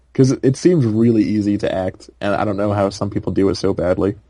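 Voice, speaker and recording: A man's voice: lowish voice, moderate pace, warm tone, no room sound. A young man co-hosting a podcast, chatting casually with lots of fillers and frequent laughter. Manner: rambling, filler-heavy, laughs often. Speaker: podcast co-host. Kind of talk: casual chat.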